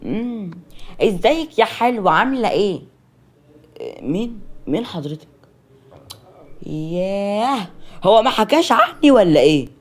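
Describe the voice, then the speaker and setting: A storyteller voicing a bossy, nosy older great-aunt who talks in a sharp, mocking way with an Egyptian accent. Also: female voice, medium pitch, very animated, a little slow, long pauses, voice pushed up. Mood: prying.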